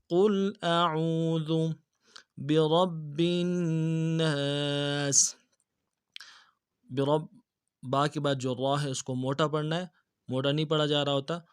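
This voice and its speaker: A man teaching tajweed, reciting verses slowly and drawn out, then explaining briskly and repeating words for the learner. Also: mid-range voice, clear, resonant tone, no echo, studio quality. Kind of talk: tajweed lesson with slow recitation.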